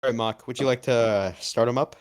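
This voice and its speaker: A man's voice: medium pitch, steady tone, quick pace, clear, resonant tone. A man co-hosting an online debate with casual banter and questions for the candidates. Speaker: debate co-host.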